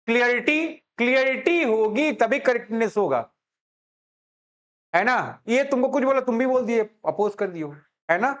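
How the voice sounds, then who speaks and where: A man teaching a commerce class in a chatty, joking way, often checking that students follow. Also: very high-pitched. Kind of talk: classroom lecture.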